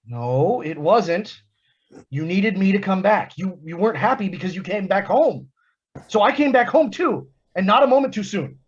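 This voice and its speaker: A man reading a wild, playful male imaginary friend in an online play reading, his voice husky and lively. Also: sits high, moderate pace. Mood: defiant. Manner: lively, swings from playful to desperate. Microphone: video call. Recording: dull lo-fi video call audio.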